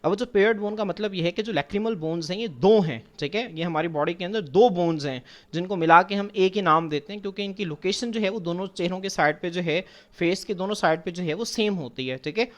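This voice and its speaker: A man's voice: high voice, fairly quick, few pauses. Patient male biology teacher. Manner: patient, repeats points, addresses students as children; mixes English science terms into speech. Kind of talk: classroom lecture over slides.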